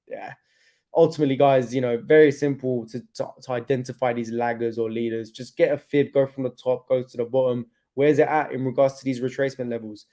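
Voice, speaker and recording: A young man hosting a crypto livestream, chatting casually, loose with slang, slowed by pain from his hip. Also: medium pitch, mellow. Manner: chatty, laid-back, loose with slang and fillers.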